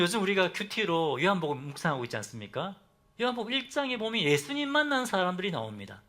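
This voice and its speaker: A man preaching a Sunday sermon as pastor. He asks the congregation questions and ends phrases softly for emphasis. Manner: drops to soft, low endings for emphasis.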